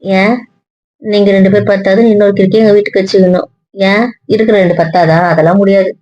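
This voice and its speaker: A woman teasing her family in casual banter, sharp-tongued and mocking. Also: mid-range voice, fairly even intonation, fast, muffled recording. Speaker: wife in a family skit.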